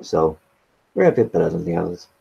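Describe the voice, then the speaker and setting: A man plays his character at a tabletop game in a wavering, put-on Irish accent. His voice is very low and gravelly, and he talks in a blunt, sardonic way, swearing freely. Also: sing-song, fairly quick, mellow, muffled recording. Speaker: player. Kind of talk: in-character tabletop role-play.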